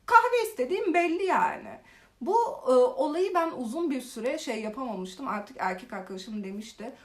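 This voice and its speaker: A young woman casually telling funny stories in a vlog, animated and exaggerated. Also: high-pitched, moderate pace. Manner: animated, exaggerated retelling with laughs. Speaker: vlogger. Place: living in Korea.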